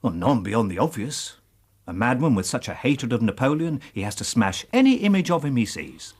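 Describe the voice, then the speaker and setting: An actor playing a practical, matter-of-fact Victorian police inspector in a radio drama. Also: male voice, mid-range voice, very animated, moderate pace, slightly rough. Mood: puzzled.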